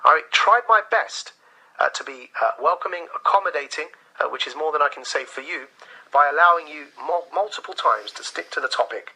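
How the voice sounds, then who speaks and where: A man's voice: fairly high pitch, lively intonation, a little fast, sharp tone, husky, rough recording. A man hosting a radio phone-in, firmly cutting in to keep a caller on topic. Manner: firm, repeatedly interrupting to keep order. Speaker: radio host. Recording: radio broadcast.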